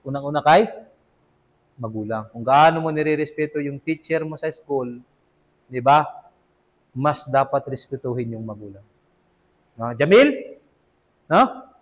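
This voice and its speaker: A man teaches a weekly class in a mosque, his voice sitting high. He talks casually and keeps checking in with his listeners. The recording is dull and lo-fi. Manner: conversational, asks "di ba?" often, acts out children's replies. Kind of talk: casual Islamic lesson.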